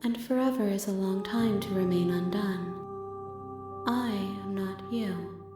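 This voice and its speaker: A woman playing an infinite, otherworldly princess entity in a video game, speaking in a serene, measured, cryptic and poetic way. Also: medium pitch, close to an everyday voice. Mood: solemn, serene. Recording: echoing voice under game music. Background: clear background music.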